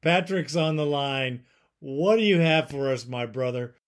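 A man's voice: mid-range voice, unhurried. A man hosting a call-in sports podcast, talking in a friendly, casual, upbeat way. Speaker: podcast host.

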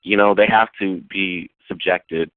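A man from Houston phones in to a radio show, his voice low and dry over a tinny call-in line. He talks at length in a sighing, rambling way about his team's troubles. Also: fairly even intonation, a little slow, no echo. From Houston, Texas. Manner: sighing, rambling fan lament. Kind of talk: casual call-in talk.

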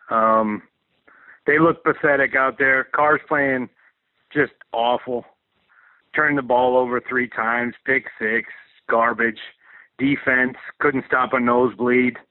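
A man's voice: medium pitch, dry recording. A man calling in to a radio show over the phone, ranting in a disgusted, sarcastic way. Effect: phone-line call-in voice. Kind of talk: call-in rant about a game.

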